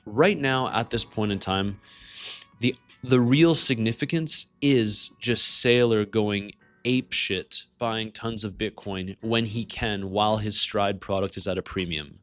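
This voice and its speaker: A low-voiced, slightly bright man hosts a casual livestream of market commentary. He's from Canada, speaks French as his first language, and chats conversationally, greeting viewers and answering their messages.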